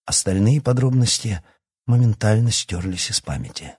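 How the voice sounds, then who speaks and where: A man narrating a fantasy audiobook in a steady, measured manner. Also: lowish voice, slightly rough, no echo, clean studio sound. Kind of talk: scripted narration.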